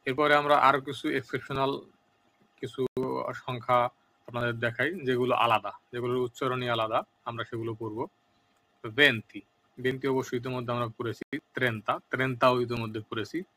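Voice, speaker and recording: A man teaching a recorded language lesson, speaking slowly and saying each word twice for learners. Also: medium pitch, flat delivery, sharp tone.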